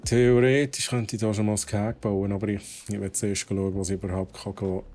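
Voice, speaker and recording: A man's voice: on the low side, little pitch movement, brisk, darkish tone, soft background music. A man with a Swiss German accent streaming a video game, thinking aloud as he plays and dropping English exclamations. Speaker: gaming streamer. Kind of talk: casual let's-play commentary.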